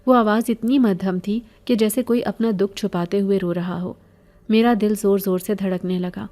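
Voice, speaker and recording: Woman reading a scary story, slow even telling, warm mellow voice. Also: mid-range voice. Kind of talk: scripted first-person horror narration.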